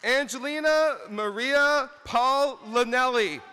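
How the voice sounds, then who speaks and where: A man announcer at a high school graduation ceremony, calling out graduates' names in a slow, deliberate way. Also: sharp tone, big-room sound. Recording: faint crowd and background noise.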